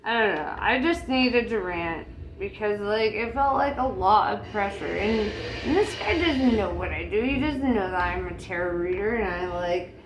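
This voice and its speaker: A woman's voice: mid-range voice, animated, moderate pace. A woman in a loose, tipsy, rambling casual rant, swearing freely as she talks. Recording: echoey room with faint background noise.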